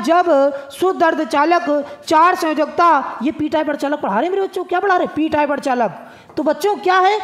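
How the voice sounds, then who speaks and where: A male coaching-class physics teacher drills exam material. His voice runs high, and he teaches in a playful, sing-song manner. He keeps breaking into folksy dialect banter with his students. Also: a bit bright. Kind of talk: exam-prep physics lesson.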